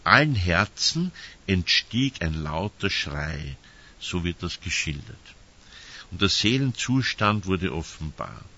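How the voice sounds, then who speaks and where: Older priest with a lilt, lowish forceful voice, chatty sermon full of "nicht?" asides, muffled lo-fi sound. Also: male voice, sing-song, slow pace, slightly rough. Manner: conversational, frequent tag questions. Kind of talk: spoken sermon with anecdotes.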